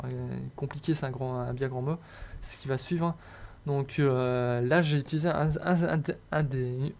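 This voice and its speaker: A man's voice: mid-range voice, darkish tone, slight background noise. A young man talking casually through a slide tutorial on electronics, hesitant and joking at himself. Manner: hesitant, many fillers and restarts, self-mocking asides. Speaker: hobbyist electronics explainer.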